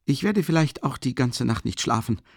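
Man doing a drunk young man, gushing, excitable, gravelly, dry close sound. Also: medium pitch, moderate pace, no room sound, pitched above the performer's own voice. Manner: excitable, gushing, tumbling speech. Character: drunk, rapturous young man, babbling and effusive. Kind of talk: audiobook character voice.

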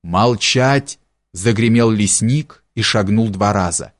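A man narrating classic prose for an audiobook in a slow, measured way. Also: medium pitch, animated, a little mellow.

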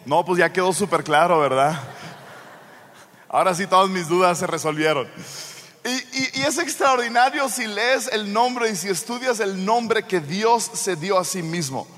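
High-voiced preacher in a reverberant hall. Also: male voice, measured pace, fairly bright tone. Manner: storytelling with humorous asides, rising to fervent proclaiming. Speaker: pastor. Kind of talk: sermon.

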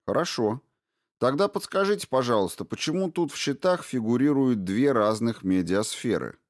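A man doing a sly, calm investigator. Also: medium pitch, moderate pace, no echo, clean studio sound, pitched above the performer's own voice, close to an everyday voice. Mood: probing. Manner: innocent-sounding, sly. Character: sly male investigator, calm probing questioner.

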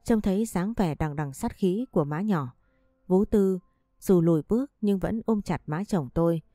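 Woman narrating a story, low and mellow. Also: moderate pace, no echo. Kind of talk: scripted narration of a family drama story. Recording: dry close voice with faint music behind.

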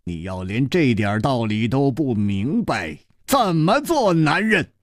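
Man playing a deep calm swordsman, wry and gentle, slow sighing delivery, dry close sound. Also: no echo. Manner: slow low-voiced sighing speech.

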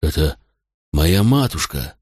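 A drunk Roman centurion from an audiobook, slurring slowly through tears and flaring into rage, played by a male narrator. The delivery drags, and the sound is close and dry. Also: medium pitch, sing-song, no room sound. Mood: drunk, tearful. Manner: slurred, slow and tearful. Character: drunk weepy Roman centurion, hot-tempered.

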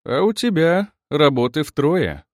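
A man's voice: a little high, animated, slow, dry recording, clean studio sound, pitched above the performer's own voice. A man voicing a tired, clipped middle-aged officer speaking on the phone in an audiobook. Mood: weary.

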